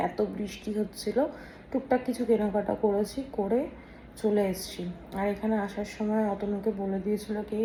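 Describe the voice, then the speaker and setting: A woman's voice: medium pitch, reverberant. A woman vlogger, chatting casually to her viewers as she records on her phone. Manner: chatty, talks to viewers, softer and hushed at night. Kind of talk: casual vlog narration. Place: rainy outdoors and a hotel room. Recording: noisy phone vlog audio.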